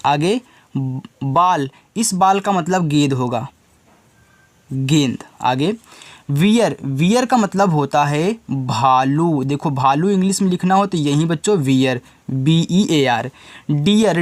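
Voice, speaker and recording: A male teacher teaching children, spelling words slowly letter by letter and repeating the answers. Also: a little high. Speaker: English teacher.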